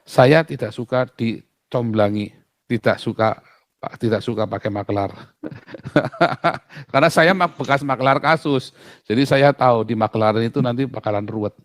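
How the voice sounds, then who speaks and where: A man's voice: medium pitch, a little slow, dry recording, studio quality. A man, a pastor, talking in an outspoken casual way, emphatic and full of rhetorical questions.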